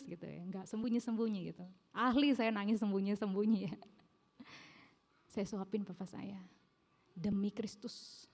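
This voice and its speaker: A middle-aged woman preaching a sermon, telling her own story in an animated way and acting out the voices of people she quotes. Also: medium pitch. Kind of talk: sermon with personal testimony. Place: large church hall. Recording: long church hall reverb.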